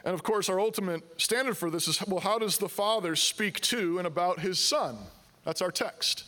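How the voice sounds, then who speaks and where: A man preaching a sermon with a high voice for a man. His tone is bright and forceful. He talks conversationally, asking questions and voicing objections from his listeners. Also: normal speed. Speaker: pastor.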